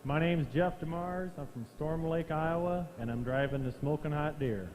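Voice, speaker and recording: Male competitor with a raised pitch, giving a brief introduction amid light background noise. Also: normal speed, darkish tone. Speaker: tractor pull competitor. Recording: faintly noisy arena ambience.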